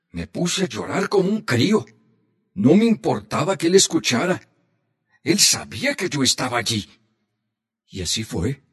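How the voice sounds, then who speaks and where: A man reading the part of an old grandfather telling his grandchildren a hunting tale, in a slow, heartfelt storybook manner. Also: mid-range voice, breathy edge, full character voice.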